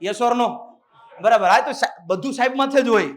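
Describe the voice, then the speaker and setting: High-voiced man teaching a lively class. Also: normal speed, a crowd in the background. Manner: lively and playful, often calling out questions to the class. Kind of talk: classroom lecture with call-and-response drilling.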